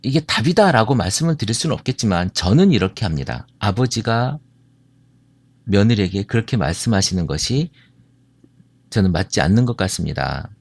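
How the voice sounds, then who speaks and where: A man's voice: fairly low pitch, very animated, normal speed, no room sound. A middle-aged man from the Jeolla region speaks to an audience, telling stories and asking listeners questions. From Jeolla, South Korea. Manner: asks the audience questions, storytelling. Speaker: speaker on marriage and family. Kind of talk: talk to an audience.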